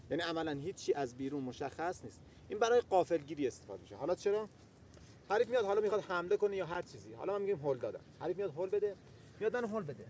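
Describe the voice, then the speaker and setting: A man's voice: on the high side, slight background noise. A man teaching a self-defense lesson, counting out each step as he demonstrates and calling out to his viewers. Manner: energetic, counts out steps as he demonstrates; chatty, keeps calling out to viewers. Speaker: martial arts instructor.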